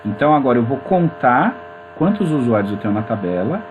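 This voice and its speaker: A man talks viewers through a coding tutorial, loose and chatty. His pitch swings up and down all the time. A steady mains hum runs under his voice. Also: brisk, phone-quality sound. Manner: chatty and informal, addresses viewers as gente. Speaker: programming teacher. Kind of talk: screen-recorded coding tutorial.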